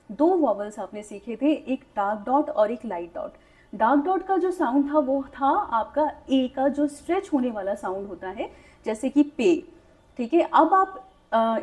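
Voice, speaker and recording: A woman's voice: high-pitched, darkish tone, low-quality recording. A young woman teaching a shorthand lesson step by step, mixing Hindi with English terms and checking in with "ठीक है" after each point. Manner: patient, repeats "ठीक है" to check understanding. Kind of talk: step-by-step tutorial.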